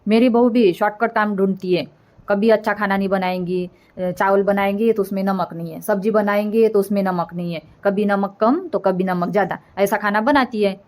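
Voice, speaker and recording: A woman's voice: mid-range voice, fairly even intonation, normal speed, a little mellow, lightly acted. A woman voicing a nagging older village mother-in-law in a comic cartoon, rambling and scolding as she complains. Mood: complaining.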